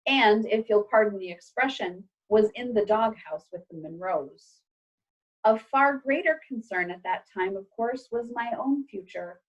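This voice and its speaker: A woman reads a children's storybook aloud like a teacher, with expressive, clearly phrased delivery. Her mid-range voice is unhurried, and the sound is lo-fi.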